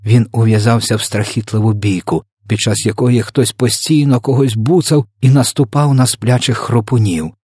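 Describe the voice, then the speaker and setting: A man reading a children's story aloud in an expressive, dramatic narration. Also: lowish voice, slightly rough, no room sound, studio quality. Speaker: audiobook reader.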